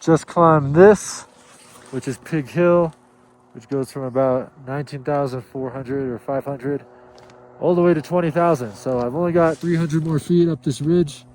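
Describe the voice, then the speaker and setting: A man's voice: fairly high pitch, moderate pace, mellow. A winded man talking casually and plainly to camera as a climber on a vlog, upbeat and out of breath. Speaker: climber filming own expedition vlog. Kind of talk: casual selfie vlog chat. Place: outdoors on a high snowy mountain. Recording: outdoor ambient noise on camera mic.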